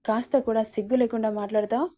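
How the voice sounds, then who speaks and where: A woman's voice: fairly high pitch, steady tone, quick pace, warm tone, natural voice. A woman voicing a scolding but affectionate young wife in a storybook reading, exasperated and pleading.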